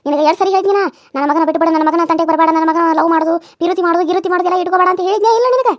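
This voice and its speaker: A shrill, very high, berating cartoon mother-in-law with a North Karnataka Kannada accent, voiced by a woman. She fires off her scolding at a breakneck clip, repeating herself. The sound is dry and close. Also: rapid-fire, dry recording. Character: furious scolding middle-aged mother-in-law. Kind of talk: cartoon serial voice acting.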